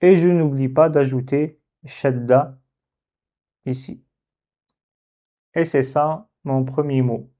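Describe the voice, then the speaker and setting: Slow man teaching Arabic letters. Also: medium pitch, fairly even intonation, warm tone. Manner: slow, thinking aloud. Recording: dull lo-fi sound.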